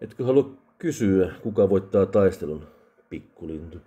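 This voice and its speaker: Man voicing a drunk menacing soldier, raspy, deep, dark and mellow tone, harsh and loud, audiobook story. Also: expressive. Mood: menacing, bitter. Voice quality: drunken rasp.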